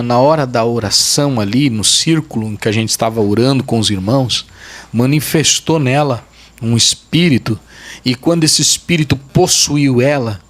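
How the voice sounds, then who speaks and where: Emphatic pastor man telling a testimony. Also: mid-range voice. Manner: emphatic, repeats phrases for weight, vivid retelling. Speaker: pastor and guest. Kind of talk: testimony storytelling in a podcast interview.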